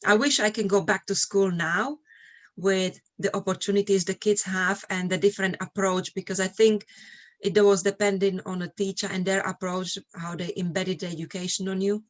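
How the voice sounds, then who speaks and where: In a casual conversational interview, a middle-aged Slovak woman shares personal recollections in English with a Slovak accent. Her voice is medium-pitched and steady, moving at a moderate pace. She comes from Slovakia in Eastern Europe.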